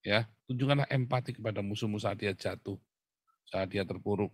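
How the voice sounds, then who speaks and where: A middle-aged man from Tegal with a Tegal Javanese accent, preaching a casual sermon as a pastor, animated, swinging between loud emphasis and hushed asides. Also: lowish voice, brisk, husky, dry recording. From Tegal, Central Java.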